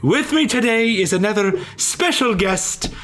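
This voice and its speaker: A man voicing a doting old female dwarf grandma who hosts the show, in a high, soft, sing-song voice. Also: lively intonation, a little slow. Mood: grandmotherly, theatrical. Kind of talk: comedic podcast intro.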